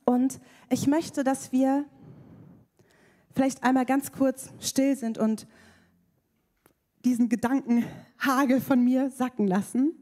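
A woman's voice: high voice, slow, long pauses. Woman preaching in a reverberant hall. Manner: lively, playful preaching with acted-out voices. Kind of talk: sermon.

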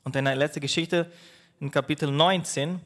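His voice on the high side and steady in tone, a Portuguese-native pastor preaches inside a large hall. He speaks haltingly, restarting phrases and using plenty of fillers.

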